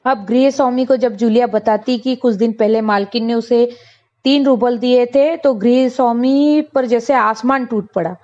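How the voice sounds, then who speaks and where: A woman's voice: on the high side, a little slow, darkish tone. A woman teacher reading a story aloud and explaining it to her pupils, speaking to them directly. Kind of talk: reading and explaining a school lesson. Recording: dull lo-fi recording.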